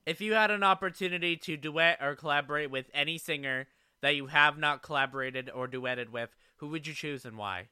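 Male radio host, polite scripted questions, very bright tone, dry close sound. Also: fairly high pitch, fairly quick, smooth, dry recording. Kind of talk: radio interview hosting.

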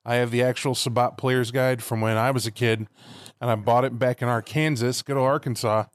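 A man's voice: mid-range voice, steady tone, a little fast, clear, resonant tone, no echo, clean studio sound. A man co-hosting a podcast in casual chat, emphatic and given to repeating phrases for weight. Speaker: podcast co-host.

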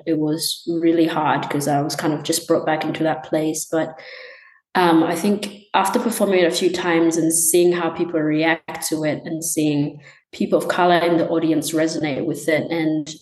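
A young woman musician talks through her answers softly, stopping often to think. Her voice sits a little low. The room gives it a roomy echo. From Tanzania. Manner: soft-spoken, many ums and restarts. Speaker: musician guest. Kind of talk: casual interview answers. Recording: echoey room.

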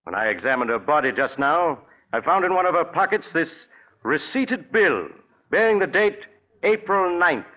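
Shrewd doctor-sleuth, animated old radio drama. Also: male voice, fairly high pitch. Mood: accusing. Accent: American. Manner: deliberate, pointed, dramatic. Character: shrewd, accusing male doctor-investigator. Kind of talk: 1940s radio drama acting. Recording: muffled old radio recording.

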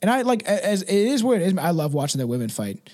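A man hosts a podcast in a casual, opinionated chat, his darkish voice sitting high and swinging widely in pitch at a fast clip. He talks bluntly and emphatically, swears freely, and tags his phrases with "right" and "man."

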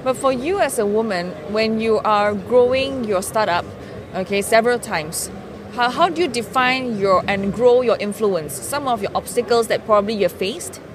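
A woman's voice: a little high, normal speed, noisy background. A woman hosting a podcast, asking eager questions and reacting effusively to her guest. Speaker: podcast host. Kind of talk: podcast interview.

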